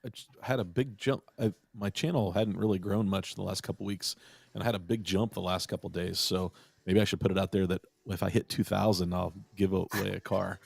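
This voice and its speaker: Man, low gravelly voice, dry close sound, faint music, casual livestream chat. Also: steady tone, fairly quick, no echo. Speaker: guest streamer.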